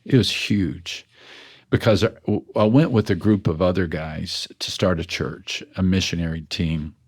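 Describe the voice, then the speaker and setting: With a low, deep, husky voice, a West Texas pastor and author speaks a little slowly as an interview guest. He shares his story earnestly and self-deprecatingly, restarting sentences as he thinks, in a calm and reflective exchange.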